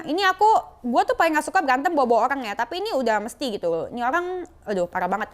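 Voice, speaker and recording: A woman with a Jakarta colloquial accent who talks straight to camera, scolding and confrontational, and keeps calling her viewers "guys". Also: high-pitched. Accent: Jakarta colloquial Indonesian. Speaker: vlogger. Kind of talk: casual angry rant to camera.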